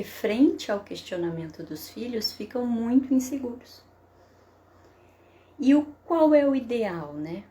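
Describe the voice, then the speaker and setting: A woman psychotherapist giving parenting advice in a live stream, explaining calmly and often checking in with a tag question. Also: mid-range voice. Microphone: webcam or phone for a live stream.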